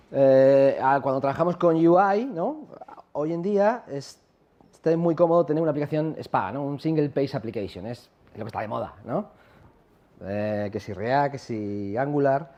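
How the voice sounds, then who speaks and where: Speaking with a Castilian Spanish accent, this conference speaker from La Mancha keeps his live tech talk conversational, peppering it with tag questions and questions for the audience. His medium-pitched voice has a dark tone, and the audio's high frequencies are cut off.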